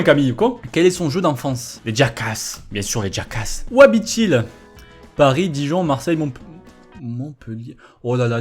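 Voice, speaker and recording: Brief: joking gamer guy, a touch high-pitched, headset commentary over faint music. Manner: joking, self-mocking, chatty asides. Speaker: gaming YouTuber. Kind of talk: casual quiz-game commentary. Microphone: gaming headset.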